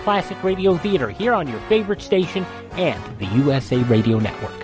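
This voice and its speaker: A man's voice: fairly high pitch, very animated, a little fast, over music. A man presenting a radio show from a script, close on a studio microphone.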